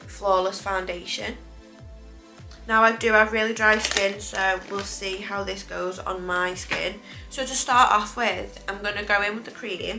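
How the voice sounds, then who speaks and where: Bright-voiced British woman, rambling beauty vlogger. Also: mid-range voice. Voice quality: speech slightly impeded after dental surgery. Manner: rambling, self-correcting. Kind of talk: casual makeup review chat to camera.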